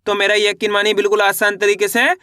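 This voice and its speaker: High, bright-voiced man teaching reading. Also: level tone, smooth, dry recording, clean studio sound. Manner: slow, patient, repeats each syllable and drops low on model sounds. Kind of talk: online reading lesson.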